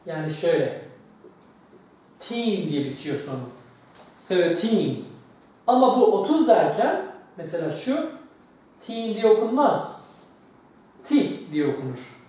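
A man's voice: high voice, mellow. A man teaching a lesson, explaining patiently step by step and reading words aloud for practice. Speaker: English teacher. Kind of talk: classroom lesson. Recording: very echoey room, distant mic, faint noise.

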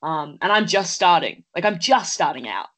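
A teenage girl from Australia, speaking from home through her laptop webcam on a video call. Her voice sits on the low side for a woman, and she talks about her acting in an earnest, chatty way, circling back with fillers as she thinks aloud. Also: big pitch swings, moderate pace, fairly bright tone, rough recording. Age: late teens. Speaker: actress, interview guest. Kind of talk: casual interview over video call. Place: indoors at home.

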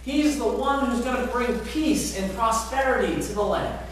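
High-voiced man preaching in echoing sanctuary. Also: moderate pace, a little hiss or hum. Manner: animated preaching with rhetorical questions and arm gestures. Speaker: pastor. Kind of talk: sermon. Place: large church sanctuary, indoors. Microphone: far camera at back of church. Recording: very echoey sanctuary from far off.

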